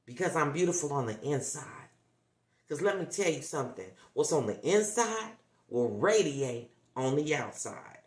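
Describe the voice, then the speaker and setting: A woman's voice: low-pitched, sing-song, moderate pace, darkish tone. A woman hosting a motivational livestream who talks emphatically, repeats herself for effect and keeps checking in with the audience. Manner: emphatic, repetitive, coaxing with tag questions. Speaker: livestream host. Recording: roomy echo.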